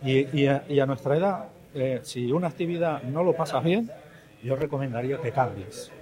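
A man in his seventies talks about amateur tennis in a reflective, earnest way. His voice sits at a middle pitch for a man. He answers an interviewer's question. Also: normal speed, crowd noise. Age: 70s.

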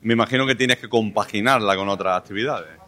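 A man interviewing local tennis players, asking brisk, direct questions. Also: on the low side, bright, forceful tone.

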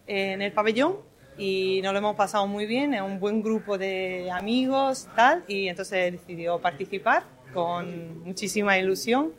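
A woman from Italy speaks with an Italian accent and a middle pitch. She is chatty and cheerful as she answers an interviewer about joining a local tennis league. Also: moderate pace. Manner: cheerful, chatty, laughs often.

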